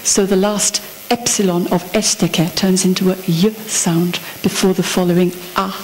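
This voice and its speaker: A woman's voice: on the low side, fairly even intonation, moderate pace, a little mellow, slight background noise, poor audio. A woman presenting an academic paper at a conference, reading precise prepared text and then speaking off the cuff with some fillers. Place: conference hall.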